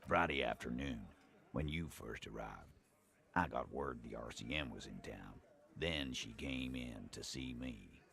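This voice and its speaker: A gravelly, extremely low voice plays a weary, guarded union boss in a detective video game. He answers in short, curt lines. The voice sits deep in a dry fry. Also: a little slow, fairly bright tone, full character voice. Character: gruff middle-aged male union boss, guarded and weary.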